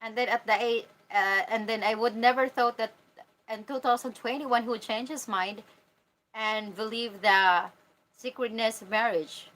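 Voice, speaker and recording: On a low-quality recording, a Filipino-accented vlogger chats openly with her livestream audience, responding to their comments. Her fairly high, fairly bright voice keeps a fairly even intonation at a moderate pace.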